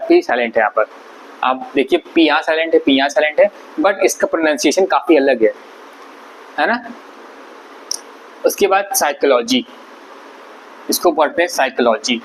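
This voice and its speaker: A man's voice: fairly high pitch, animated, normal speed, long pauses, rough recording. Man patiently teaching English pronunciation. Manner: explains patiently, repeats and spells out words. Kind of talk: spoken vocabulary lesson. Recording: faint background noise.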